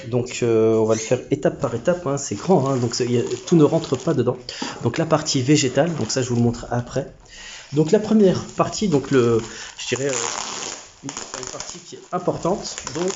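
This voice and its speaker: A man's voice: on the high side, mellow, highs cut off, a little hiss or hum. A man hosting a casual unboxing vlog at home, chatty and slangy, often stumbling and restarting his sentences. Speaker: aquarium hobby YouTuber. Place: home living room.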